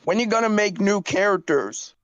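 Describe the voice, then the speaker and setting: A man calling in to a live stream Q&A, excited and brief, his audio cutting out in choppy dropouts over a dull call line. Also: high voice, moderate pace, no room sound. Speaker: caller. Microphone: online voice call.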